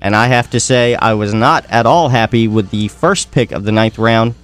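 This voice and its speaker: A man's voice: fairly low pitch, moderate pace, fairly bright tone. A man hosting a radio sports show, running through draft picks in a casual, joking way.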